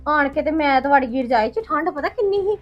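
High-pitched, animated, and fairly quick, an actress in a village family drama short film voices an indignant woman complaining at length about her in-laws and quoting their words. Faint music plays under dull lo-fi sound.

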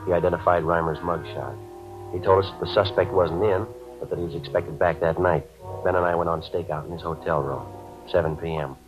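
Joe Friday, a deep deadpan cop over old AM radio. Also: male voice, brisk, music in the background. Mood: flat. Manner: clipped, deadpan report of times and facts. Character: terse male police sergeant, steady and matter-of-fact. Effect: old AM radio broadcast sound. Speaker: police detective narrator. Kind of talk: 1950s radio drama acting. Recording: muffled lo-fi 1950s AM radio broadcast.

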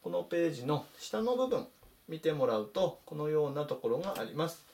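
A man teaching English vocabulary in Japanese, saying each word slowly and clearly in a voice-over lesson. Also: a little high, big pitch swings, darkish tone. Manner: slow, careful spelled-out pronunciation of English words.

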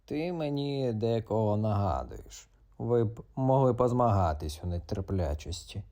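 A grumpy, self-important tomcat from a children's audiobook, growling slow, drawn-out threats. A man puts on the voice, pitched lower than his own. The tone is mellow and dark. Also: big pitch swings. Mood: gruff, proud. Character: proud, grumpy tomcat, noble and blustering.

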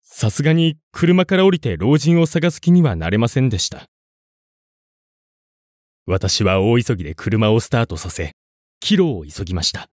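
A man narrating a scripted ghost story in a suspenseful, dramatic way, with deliberate pauses. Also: medium pitch, very animated, darkish tone, no echo, clean studio sound.

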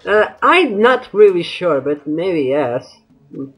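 A man's voice: high-pitched, very animated, slow pace, a bit bright, breathy edge. A man giving casual, bantering gameplay commentary as a let's-play host, sometimes mock-exasperated. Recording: game music behind. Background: video game music.

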